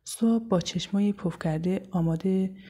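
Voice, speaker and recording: Husky young woman narrating anxiously. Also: medium pitch, mellow. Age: young adult. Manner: anxious, intimate inner monologue. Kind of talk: first-person audio story narration.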